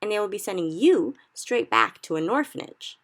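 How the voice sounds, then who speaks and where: A woman voicing a big, friendly male giant in a storybook reading, who speaks slowly and mangles his grammar. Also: medium pitch, lively intonation, creaky, a bit bright, pitched above the performer's own voice. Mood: grumbling. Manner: slow, odd jumbled grammar.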